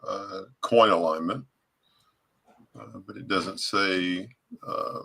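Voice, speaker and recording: Deep, gravelly male stream host. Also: slow. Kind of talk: casual live-stream chat. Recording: noisy background with clicks.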